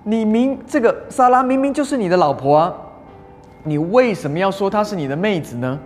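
A man's voice: on the high side, big pitch swings, unhurried, slight background noise. A preacher acting out a panicked old king. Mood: alarmed, accusing. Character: frightened ancient king, blustering then pleading. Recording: long hall reverb with soft music.

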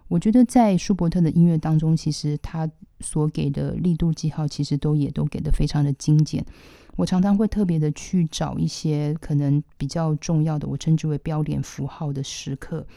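Very mellow, gravelly Taiwanese Mandarin woman. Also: sits low, no echo, studio quality. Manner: measured, thoughtful, slows down to stress points. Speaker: podcast host and pianist. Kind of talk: reflective music commentary.

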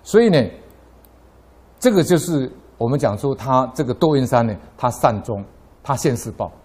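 A man's voice: medium pitch, sing-song, normal speed, darkish tone, breathy edge. A middle-aged man from Taiwan, giving a Buddhist dharma talk full of anecdotes. His voice rises sharply when he tells a story. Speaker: lay Buddhist speaker.

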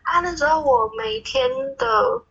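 A young woman chats as a guest, acting out an old quarrel in quoted voices. Her voice is bright and a little husky, set fairly high. The sound is dull and phone-like. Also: animated, a little slow. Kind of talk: casual chat storytelling.

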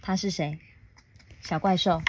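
A mother reading a picture book aloud to her child for a podcast, coaxing and asking gentle questions along the way. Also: lowish voice, fairly even intonation, measured pace, a little hiss or hum. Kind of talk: storybook read-aloud podcast.

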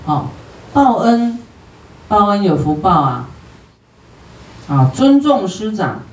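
A Buddhist teacher with a Taiwanese Mandarin accent gives a sutra lecture in a homely, chatty manner, dotting sentences with drawn-out particles. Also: mid-range voice, darkish tone. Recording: roomy hall, distant from the mic.

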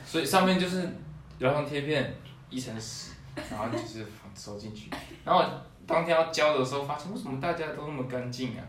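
A young man tells childhood anecdotes in a loose chat, breaking into laughter often. His voice sits at a middling pitch and comes from a little off the mic. The room around him rings with echo. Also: a little fast, a bit bright, slight background noise. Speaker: podcast co-host. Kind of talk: casual chat, storytelling. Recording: roomy echo, distant mic.

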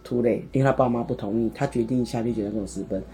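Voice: medium pitch, fairly even intonation, racing, dark tone, faint music behind. A podcast co-host, casually chatting and retelling a story theatrically, acting out the dialogue. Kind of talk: casual chat, dramatic storytelling.

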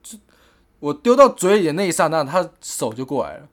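A young man tells stories in a loose, rambling way, padding his sentences with fillers. His voice sits a little high for a man, and he laughs easily as he talks. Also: sing-song, fairly quick. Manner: rambling anecdotes full of 'this way' fillers, laughs often. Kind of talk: casual chat, storytelling.

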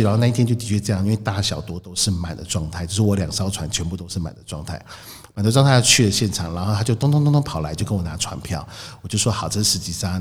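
A man's voice: low voice, breathy edge, in a large hall. A man who runs whale-watching boats, chatting casually on a podcast and acting out the people in his stories. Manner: animated storyteller, acts out the people in his story. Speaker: whale-watching boat operator, podcast guest. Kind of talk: casual storytelling chat.

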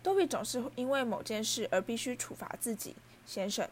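A woman voicing a small servile male house-elf in a storybook reading, high and shrill, humbly calling everyone sir. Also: expressive, a little fast, darkish tone, slight background noise, close to an everyday voice. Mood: anxious. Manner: humble, keeps saying sir.

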